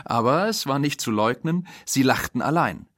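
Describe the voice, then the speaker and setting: A man reads a story aloud in a calm, sustained way. His voice is husky. The recording is dry. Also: mid-range voice, normal speed, no echo. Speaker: literary reader. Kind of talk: expressive literary reading.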